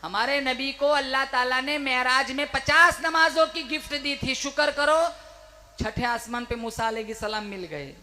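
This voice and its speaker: Male preacher, fervent sermon, bright forceful tone, rousing, calls for crowd answers. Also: extremely high pitch, measured pace.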